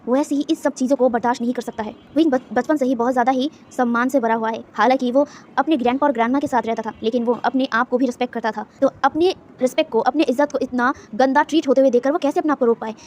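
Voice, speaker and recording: A woman's voice: sits high, fast talker, darkish tone, a little hiss or hum. A woman narrating a fan fiction story with emotive, repetitive retelling.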